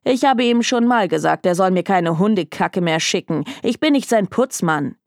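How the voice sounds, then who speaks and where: A woman's voice: mid-range voice, lively intonation, moderate pace, darkish tone, no room sound, clean studio sound, close to an everyday voice. A woman voicing an arrogant, bored young male detective who talks in a scornful, dismissive drawl.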